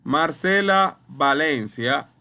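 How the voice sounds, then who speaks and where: A man teaching a recorded online lesson over slides, explaining slowly and deliberately, speaking straight to his viewers. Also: a little high, expressive, sharp tone. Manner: slow, deliberate explaining, addresses viewers as ustedes. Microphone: computer mic while writing with a mouse.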